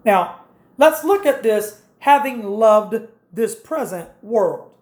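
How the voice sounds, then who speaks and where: A woman's voice: mid-range voice, lively intonation, slow pace, darkish tone, roomy sound. A woman preaching a sermon, directing listeners through scripture passages and explaining them step by step.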